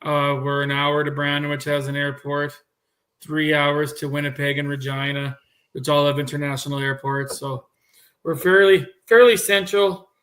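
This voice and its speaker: Thirties cattle breeder, man from Canada, slightly high pitch, easygoing rambling chat. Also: normal speed. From Manitoba, Canada. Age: 30s. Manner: relaxed rambling with restarts. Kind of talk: casual chat.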